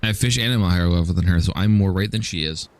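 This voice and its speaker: A man's voice: low-pitched, very fast, darkish tone. A man chatting casually on a livestream while he plays a game, joking and often stammering as he restarts his sentences. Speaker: streamer.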